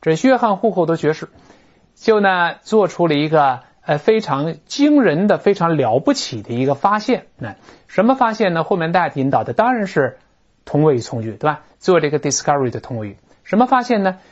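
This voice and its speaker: A man's voice: fairly high pitch, brisk. A man teaching English through a textbook text, explaining in a chatty, colloquial way. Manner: lively, colloquial, northern-style chatty explanations. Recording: dull lo-fi recording.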